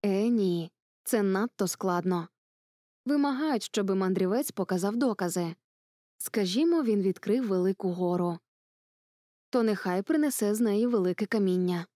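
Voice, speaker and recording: A woman's voice: medium pitch, normal speed, warm tone, dry recording, studio quality, natural voice. A woman voicing a pompous, self-important old male geographer in a storybook reading, lecturing at length.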